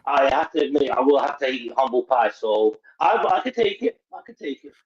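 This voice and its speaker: A man's voice: medium pitch, big pitch swings, fairly quick. A man calling in to a casual football chat, talking with a sore mouth that has stitches after dental work. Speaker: fan caller. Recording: dull lo-fi call audio.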